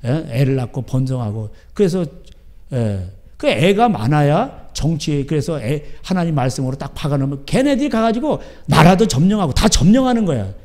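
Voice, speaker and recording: A man's voice: fairly high pitch, expressive, normal speed, a little mellow. A man preaching a sermon as pastor, in a rambling, chatty way, often asking his listeners "right?". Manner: keeps asking the crowd back "예?".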